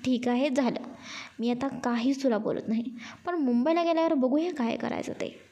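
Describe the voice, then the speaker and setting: A woman's voice: high voice, moderate pace, mellow, lightly acted. A woman voicing a protective young man who talks to his partner in a firm, teasing, instructing way. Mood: gentle, teasing. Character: caring, bossy young man, protective lover.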